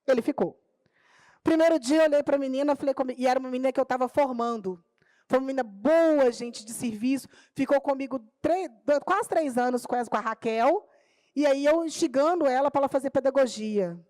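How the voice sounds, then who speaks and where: A woman's voice: high voice, a little fast, dark tone, dry recording, clean studio sound. A middle-aged woman teacher with a Minas Gerais accent, telling a classroom story at a public panel and acting out the dialogue as she goes. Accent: Brazilian Portuguese, Minas Gerais. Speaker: teacher and pedagogue speaking on a panel. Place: auditorium or conference room.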